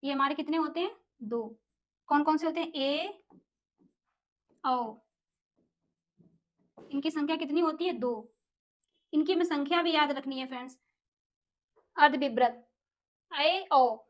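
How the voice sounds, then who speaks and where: Young woman teacher w/ a high voice, says the vowel sounds out slow, keeps calling ppl friends. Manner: repeats key terms, sounds out vowels slowly; addresses viewers as friends, asks and answers own questions. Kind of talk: exam-prep Hindi lesson.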